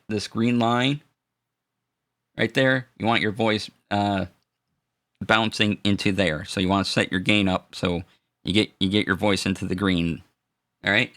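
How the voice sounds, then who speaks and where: A man demonstrates audio equipment live, his low voice unhurried but halting, full of restarts and filler words. He offers warm greetings to chat viewers. The mic is a studio dynamic one.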